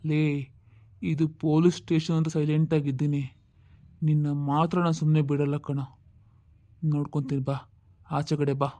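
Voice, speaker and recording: A woman's voice: low voice, flat delivery, moderate pace, long pauses, mellow, no echo, lightly acted. A woman playing an angry older brother who threatens his sister's husband in a skit. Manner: threatening, reproachful. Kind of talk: comedy skit acting.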